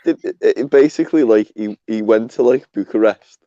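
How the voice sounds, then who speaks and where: A man telling a story in a casual stream chat, halting over his words and filling gaps with "like". His voice is dark and mellow. The recording is dry and dull, with a muffled sound. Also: fairly low pitch, dry recording. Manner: hesitant, heavy use of "like", repeats words.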